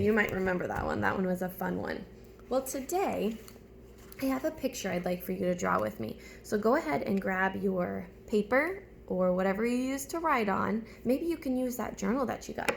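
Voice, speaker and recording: Reading a storybook to young children, a woman teacher with a medium-pitched voice and vocal fry speaks to them directly, offering simple questions and step-by-step prompts. Slight background noise is present.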